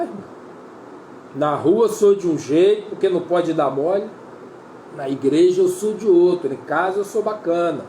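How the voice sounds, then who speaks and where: High-voiced Brazilian preacher in an echoey room. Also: male voice, warm tone, slight background noise. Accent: Brazilian Portuguese. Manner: earnest, repetitive, often addresses listeners as brother. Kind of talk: sermon. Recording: roomy echo with faint ambience.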